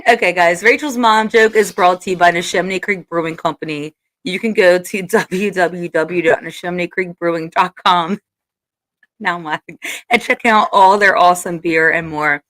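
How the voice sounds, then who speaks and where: A woman hosts a sports podcast with a teasing, giggly manner. Her voice sits a little low for a woman. The sound is close and dry, without room echo. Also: moderate pace, a bit bright. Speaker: podcast co-host. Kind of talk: casual sports podcast banter.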